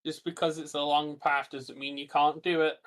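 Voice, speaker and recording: Friend on the call: a man, fairly high voice, teasing but encouraging. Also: flat delivery, normal speed, a bit bright. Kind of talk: casual chat on a live stream.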